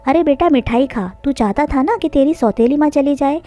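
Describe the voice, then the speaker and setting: A woman's voice: sits high, normal speed, warm tone, no room sound, pitched above the performer's own voice, lightly acted. Woman voicing a stern, blunt village father. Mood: firm. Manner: scolding, blunt.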